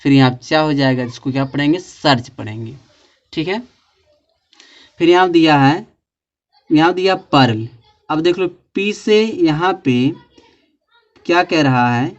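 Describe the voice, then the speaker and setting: A man teaching a pronunciation lesson, posing questions and answering them himself and spelling out letters slowly. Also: fairly high pitch, animated. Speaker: English teacher. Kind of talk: classroom-style pronunciation lesson. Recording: dull lo-fi recording.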